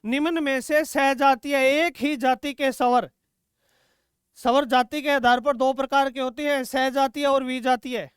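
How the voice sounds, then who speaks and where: A man's voice: very high-pitched, steady tone, measured pace, no room sound, studio quality. A male teacher taking students through exam quiz questions, asking questions and answering them himself and calling students "beta". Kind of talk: exam-prep quiz lesson.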